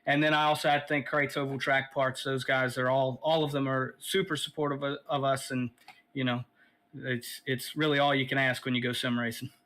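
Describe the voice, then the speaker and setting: Breathless man with a bright voice. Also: medium pitch, flat delivery, brisk, low-quality recording. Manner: casual, rambling with restarts. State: a little out of breath. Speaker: sim racing driver. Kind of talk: post-race interview.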